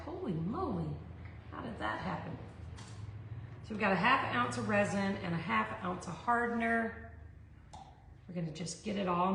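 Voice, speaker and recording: A woman hosting a casual live craft tutorial, rambling and thinking aloud as she chats with viewers in an echoey room. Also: medium pitch. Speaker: host of a live art tutorial. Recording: echoey room with background noise.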